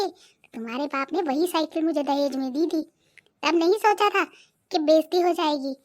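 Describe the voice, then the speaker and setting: A voice artist playing a henpecked older cartoon husband who teases his wife and complains about her. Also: very high voice. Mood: joking. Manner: mocking, wheedling, complaining. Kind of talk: cartoon voice acting.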